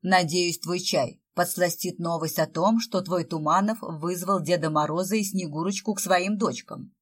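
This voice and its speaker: A playful joker of a man, as a woman reader puts him on, full of mock-theatrical teasing. His voice sits low with a husky edge, as in a storybook read aloud. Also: fairly even intonation, moderate pace. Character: teasing joker man playing Father Frost.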